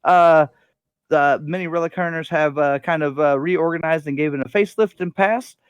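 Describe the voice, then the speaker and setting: Male game master, slightly high voice, filler-heavy narration. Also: normal speed, smooth, no room sound, muffled recording. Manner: lots of uh fillers, laughing. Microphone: headset over voice chat.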